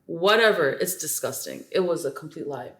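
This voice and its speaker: A woman co-hosting a podcast, telling stories in casual, animated chat with lots of filler words. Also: deep voice, moderate pace. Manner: chatty, animated storytelling with many "like" fillers. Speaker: podcast co-host. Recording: roomy echo.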